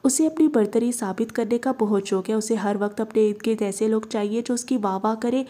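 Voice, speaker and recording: A woman reading the part of a young police officer, speaking calmly, gently and earnestly. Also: on the high side, a little fast, natural voice. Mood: gentle.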